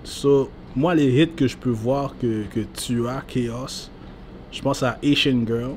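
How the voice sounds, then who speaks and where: A man's voice: mid-range voice, slow pace, a little mellow, a little hiss or hum. Man hosting a casual interview. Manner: friendly questioning, drops in English words. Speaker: host.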